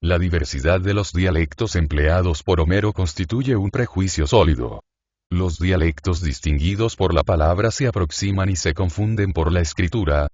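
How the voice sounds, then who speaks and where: A man narrating a philosophical essay as an audiobook, in a measured, even reading. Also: low-pitched, no echo, lo-fi sound.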